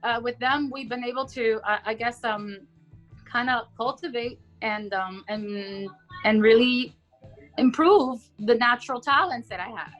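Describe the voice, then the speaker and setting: Over a video call from her home, captured on a laptop camera, a woman in her forties born in Cuba shares warm, chatty stories about being an opera singer, with lots of fillers. Her voice is a little high and a little slow, the audio is poor, and faint music plays behind her.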